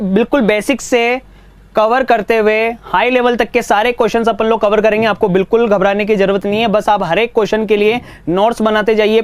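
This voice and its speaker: A man teaching reasoning in a live exam-prep class, brisk and coaxing, mixing Hindi with English. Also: high-pitched, clean tone, no room sound.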